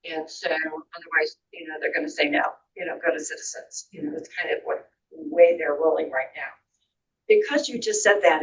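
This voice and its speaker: A woman speaking in a meeting discussion, thinking aloud in a roundabout way with frequent "you know". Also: on the low side. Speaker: committee member asking questions. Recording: distant, dull, faintly noisy meeting audio.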